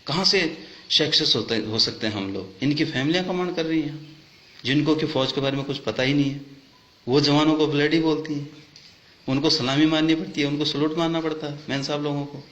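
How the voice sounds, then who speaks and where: A man who is an army soldier, making an impassioned complaint, full of indignant rhetorical questions and rising almost to shouts. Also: on the high side, a little fast. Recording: echoey, dull, faint background hum.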